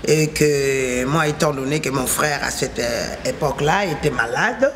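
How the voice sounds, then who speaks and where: Speaking at a measured pace in a very deep voice, a believer from Kinshasa offers emphatic religious testimony over a noisy background. Her first language is Lingala and her accent is Congolese French, and she repeats her phrases as lists.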